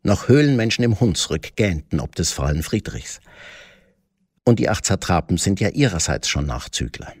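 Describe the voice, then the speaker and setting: A man's voice: deep voice, big pitch swings, moderate pace, a little mellow, breathy edge, no room sound, studio quality. A man reading scripted satirical commentary with a sardonic, mock-pompous delivery.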